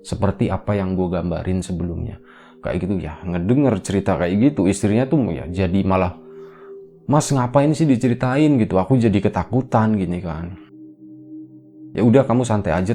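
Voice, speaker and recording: A man casually retelling a ghost story in a relaxed, conversational way, full of little fillers, with an Indonesian accent. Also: deep voice. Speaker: horror storyteller.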